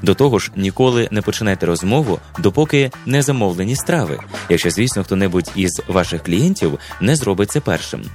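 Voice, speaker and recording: Lower-voiced man giving a scripted lesson. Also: lively intonation, darkish tone, soft background music. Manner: measured, didactic, stretches words slowly for emphasis. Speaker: presenter of a language and etiquette program. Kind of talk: scripted educational narration.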